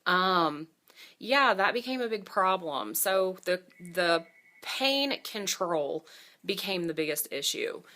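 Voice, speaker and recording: A woman's voice: on the low side, animated, slow, pushed and bright. A woman vlogger telling a personal story in a casual, candid, conversational way, with dry asides. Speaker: vlogger giving a surgery recovery update.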